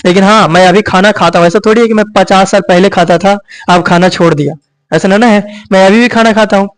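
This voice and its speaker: High-voiced male teacher with a lilt. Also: steady tone, quick pace. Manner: repeats "ठीक है" and "यही ना" often, checking students understand; asks rhetorical questions and answers them himself. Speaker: coaching teacher. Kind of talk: grammar lesson.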